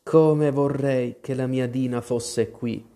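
A man's voice: medium pitch, steady tone, takes it slowly, dark tone. A man voicing an earnest, apologetic young girl in a storybook reading. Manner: eager, pleading.

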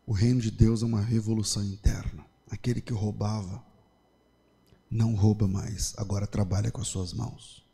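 Impassioned Brazilian pastor in a reverberant hall. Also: male voice, on the low side, little pitch movement, normal speed, gravelly. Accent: Brazilian Portuguese. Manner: swings between loud impassioned preaching and quiet storytelling. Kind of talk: sermon.

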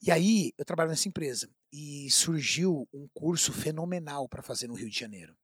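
A man's voice: on the high side, lively intonation, normal speed, breathy edge, no room sound, studio quality. A man with a Brazilian Portuguese accent telling an emphatic personal story in a casual talk.

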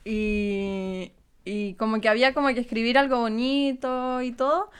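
A woman's voice: a little high, unhurried, slight background noise. A young woman with a Chilean accent, casually telling a story among friends. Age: young adult. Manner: chatty storyteller, relaxed. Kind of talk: casual chat.

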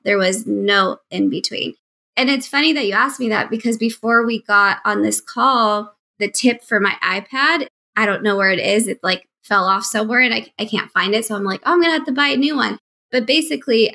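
A woman's voice: mid-range voice, gravelly, pushed and bright. A woman podcast guest and mind-body coach, talking conversationally on a call from home and animatedly acting out her past self in quoted asides. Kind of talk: conversational interview.

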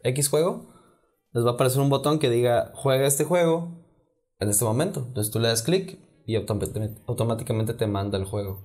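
Slangy northern Mexican man, medium pitch. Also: a little fast, darkish tone, soft background music. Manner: slangy, conversational. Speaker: podcast co-host. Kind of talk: casual chat about video games.

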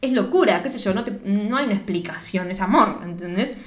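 A young woman with a Rioplatense Spanish accent, co-hosting a casual chat and retelling a film plot in an animated, giggly way, acting out the lines. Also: mid-range voice, fairly quick. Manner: animated storytelling, giggly, acts out quotes. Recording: echoey room.

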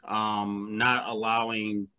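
Lowish and flat in delivery, this man's voice is pushed and bright, yet clear and resonant. He's a comic book creator talking as an interview guest, slangy and halting, repeating words while feeling out his sentences and leaning on "man" and "you know".

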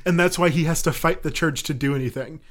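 A man's voice: fairly high pitch, quick pace. A man co-hosting a casual podcast chat, teasing and arguing his point with frequent laughs. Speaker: podcast co-host.

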